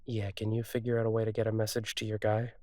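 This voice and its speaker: A man playing a streetwise, wry car thief on the run in a conversational audio role-play, talking casually with thoughtful pauses. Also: fairly low pitch, completely flat delivery, darkish tone, dry recording, natural voice. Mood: resolved.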